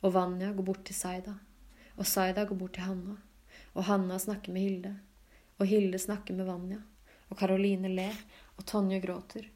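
Flat, mellow-voiced woman reading a novel. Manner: calm, even, low-key reading. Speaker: audiobook reader. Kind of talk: scripted literary narration.

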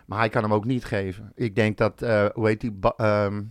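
A man's voice: fairly low pitch, level tone, moderate pace, no echo. Frank man, dry close sound. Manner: opinionated, frank. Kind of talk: casual chat.

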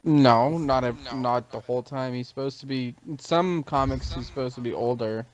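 A man's voice: medium pitch, moderate pace, lo-fi sound, slight background noise. A young man in casual podcast chat, laid-back and profane. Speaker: podcast co-host.

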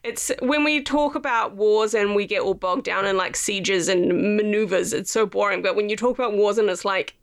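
A woman co-hosting a history podcast who is stuffed up with a cold, chatting in an animated way with casual slang and frequent laughs. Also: medium pitch, moderate pace, few pauses. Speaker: podcast co-host. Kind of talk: casual chat.

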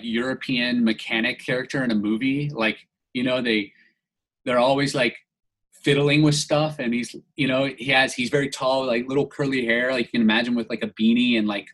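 A man's voice: medium pitch, fairly even intonation, normal speed, a bit bright, low-quality recording. A man from the United States telling a rambling story in casual podcast chat, filling nearly every phrase with "like". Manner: rambling, heavy use of "like", restarts.

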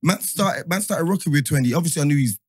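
Male host with London roadman accent, higher-pitched, dry close sound, slangy banter, repeats himself. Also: quick pace, slightly rough, no echo. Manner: animated, repeats phrases. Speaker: podcast host.

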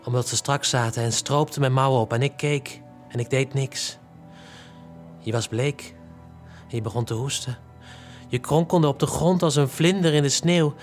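A man's voice: mid-range voice, normal speed, soft background music, close to an everyday voice. A man playing remorseful lovesick young man. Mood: pleading. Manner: pleading, confessional. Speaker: main character. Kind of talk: audio drama acting.

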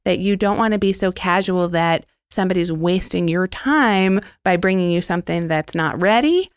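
A woman's voice: on the low side, normal speed, clear, resonant tone, no echo, clean studio sound. A woman answering interview questions in an earnest, enthusiastic way with frequent fillers. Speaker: interview guest.

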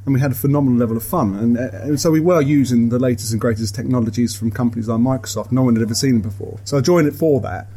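A man from Essex with an Essex accent, chatting casually and self-deprecatingly as a podcast guest, telling stories in an animated way. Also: mid-range voice, racing, few pauses, breathy edge. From Essex, England.

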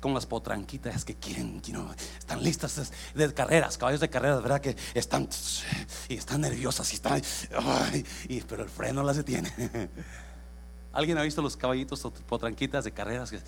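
Gravelly preacher swinging from shouts to whispers. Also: male voice, mid-range voice, animated, normal speed, a little hiss or hum. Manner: switches into English phrases. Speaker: pastor. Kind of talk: bilingual sermon.

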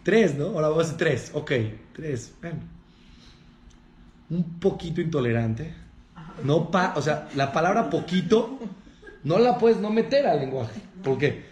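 Animated man talking to a roomful of listeners. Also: fairly high pitch, moderate pace. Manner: acts out quoted people in shifting voices, addresses audience directly. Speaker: rabbi. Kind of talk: lively talk to an audience. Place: room with a live audience. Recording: echoey room with faint ambient noise.

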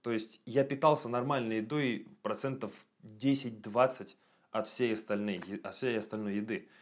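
A man's voice: lowish voice, fairly even intonation, moderate pace. A man in his late twenties giving a casual self-improvement monologue for his video channel, blunt and profane, with frequent fillers. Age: 20s. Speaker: video blogger.

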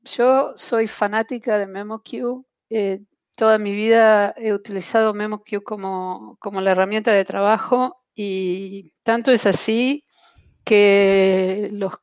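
Speaking slowly and smoothly at a medium pitch with fairly even intonation, an Argentine woman guests on a video-call interview as a translation-tool specialist, full of fillers and restarts. She has an Argentine Spanish accent, and the dry recording has its highs cut off.

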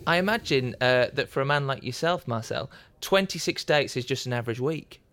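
A man's voice: mid-range voice, expressive, brisk, fairly bright tone, dry recording. A British man hosting a comedy podcast, chatting and interviewing in a jokey, teasing way. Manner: jokey, teasing, laughs readily. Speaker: podcast host. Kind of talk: comic interview chat.

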